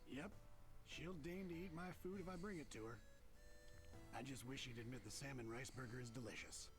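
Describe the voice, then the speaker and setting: A man's voice: medium pitch, expressive, fairly quick, over music, natural voice. A man voicing an easygoing chatty delivery guy. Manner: chatty, folksy, giving warnings. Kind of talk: video game voice acting.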